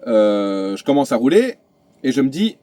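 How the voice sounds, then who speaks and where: A man's voice: medium pitch, sing-song, normal speed, dark tone, no echo. A man vlogging from his truck cab, chatting through a road story with many fillers and restarts. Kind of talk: casual vlog storytelling.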